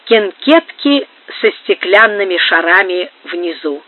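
An audiobook narrator giving a measured, even reading of a historical novel. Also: medium pitch. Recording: phone-like narrow band.

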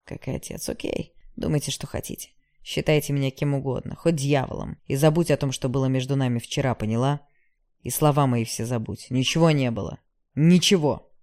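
Audiobook figure: defiant young man, hard and scornful, dark tone, voiced by a woman narrator. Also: extremely low pitch, fairly even intonation, a little fast, voice pushed down. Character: harsh brooding young man, defiant stepbrother.

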